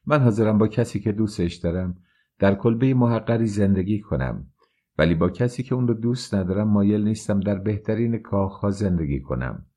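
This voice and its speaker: A man reading aloud plays a proud young actress who speaks her mind with open scorn. The voice stays low and mellow, a storybook heroine who will not be bought. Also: expressive. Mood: proud, scornful. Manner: scornful, frank.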